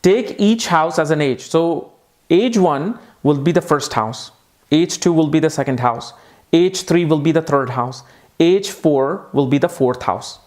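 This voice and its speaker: An astrology teacher explains a lesson with eager emphasis, his voice a touch high with a darkish tone. He keeps repeating the key points to drive them home.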